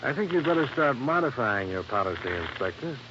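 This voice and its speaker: In a noisy, band-limited old radio recording with the highs cut off, a man plays a tough, wry American insurance investigator in a 1950s radio detective drama. His medium-pitched natural voice is very animated and fairly quick, and he sounds dry, confident, resolute and matter-of-fact.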